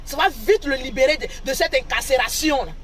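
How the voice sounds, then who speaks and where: A woman's voice: sits high, brisk, slight background noise. A woman hosting an unscripted live stream on her phone, scolding and mocking her viewers and repeating herself for emphasis.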